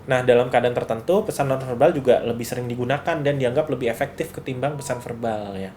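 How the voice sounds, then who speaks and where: Male lecturer, relaxed chatty delivery, acts out examples, faint room noise. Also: mid-range voice, quick pace. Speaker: university lecturer. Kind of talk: casual lecture to students.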